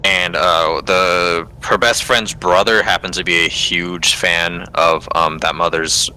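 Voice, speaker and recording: A man's voice: low-pitched, steady tone, slow, sharp tone, slight background noise, rough recording. A man co-hosting a casual podcast, retelling a movie plot in a rambling, filler-heavy way. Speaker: podcast co-host. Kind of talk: casual movie recap chat.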